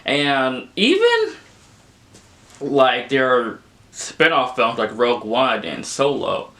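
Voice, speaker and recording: Young male film vlogger, casual and exasperated, loose rambling delivery with lots of fillers, mid-pitched voice. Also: big pitch swings, slow pace, fairly bright tone. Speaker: film reviewer. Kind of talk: casual spoken movie review.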